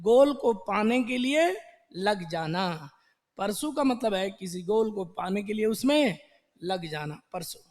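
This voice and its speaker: An Indian man teaching an online exam-prep lesson, breaking words into slow drawn-out syllables and repeating them. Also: very high voice, long reverb tail. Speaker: English teacher.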